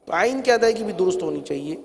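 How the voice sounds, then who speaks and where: A man teaching Quran reading in a recorded lesson, explaining quickly and then drawing out each letter sound slowly and loudly. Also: high-pitched, animated, creaky, in a large hall.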